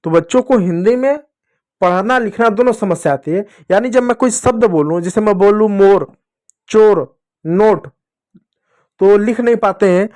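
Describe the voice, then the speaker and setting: A man teaching children to read Hindi, asking the class questions and slowly drilling each letter sound. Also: high voice, darkish tone. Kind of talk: children's Hindi reading lesson.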